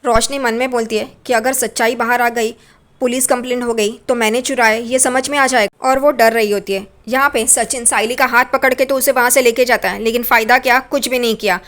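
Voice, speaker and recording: Woman, high voice, bright tone, chatty serial recap narration. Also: brisk. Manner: chatty, lively narration with acted quotes. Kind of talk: casual storytelling recap.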